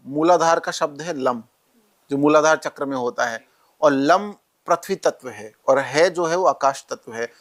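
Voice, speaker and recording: A male astrologer guest in a podcast interview, instructively listing remedies step by step. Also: on the high side.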